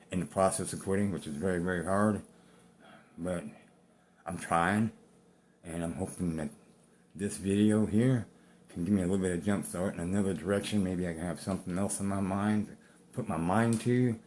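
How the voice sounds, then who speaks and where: Deep-voiced man, blunt and winded. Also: a little mellow, slight background noise. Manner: blunt, profane, rambling. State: out of breath. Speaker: vlogger. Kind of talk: personal talk to camera.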